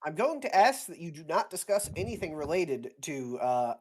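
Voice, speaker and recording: A woman's voice: sits low, very animated, moderate pace, slight background noise. A woman voicing a polite, earnest male lieutenant in a tabletop game, speaking formally. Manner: formal, courteous.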